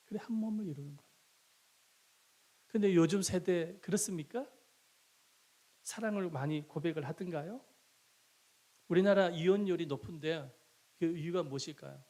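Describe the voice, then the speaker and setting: Emphatic Korean pastor preaching. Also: male voice, high-pitched, moderate pace, long pauses, darkish tone. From Gyeongsang Province, Korea. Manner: emphatic preaching with rhetorical questions to the congregation. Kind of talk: sermon. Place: church sanctuary.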